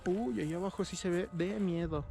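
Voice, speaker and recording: A high-voiced man with a Mexican accent talks over clearly audible music in a casual exploration vlog. His delivery is chatty and full of slang, peppered with exclamations as he goes along outdoors. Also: moderate pace, warm tone. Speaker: vlogger. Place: outdoors in a forest at night.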